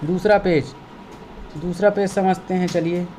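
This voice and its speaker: A man with a notably high voice leads a reading lesson at a slow, deliberate pace, sounding out each word piece by piece and saying it twice. A faint hiss of background noise runs under his voice. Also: steady tone, mellow. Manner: reads words slowly syllable by syllable, repeating each, with quick explanations; scolds students to pay attention. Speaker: teacher. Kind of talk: online Hindi reading lesson.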